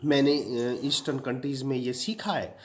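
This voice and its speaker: A male teacher voicing a bold, domineering middle-aged woman who smokes, speaking forcefully and insistently. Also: medium pitch, steady tone, normal speed, slight background noise, natural voice. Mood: persuasive.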